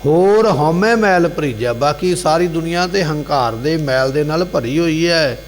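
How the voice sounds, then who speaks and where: Male preacher, somewhat high voice, explains scripture in short repeating phrases, long hall echo, faint hum. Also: expressive, measured pace. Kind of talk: devotional scripture exposition. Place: gurdwara hall.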